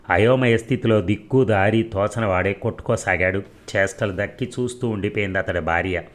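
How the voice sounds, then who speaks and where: A man narrating a novel audiobook with dramatic storytelling. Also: fairly low pitch.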